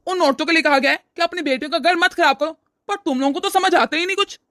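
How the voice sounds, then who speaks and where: Reproachful cartoon dad, woman voicing, high bright voice, dry recording. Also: fast talker, no echo. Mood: scolding. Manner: lecturing, reproachful. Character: stern scolding older father-in-law, man. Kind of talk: cartoon voice acting.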